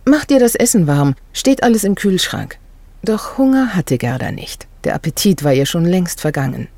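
A woman reading a children's story aloud in an expressive, melodic way. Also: lowish voice, breathy edge. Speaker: narrator. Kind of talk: storybook narration.

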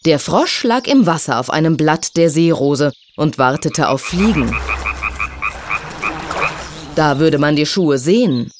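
A woman reading a children's story aloud in an expressive, sing-song way. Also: low voice, a little slow, pauses often, background noise.

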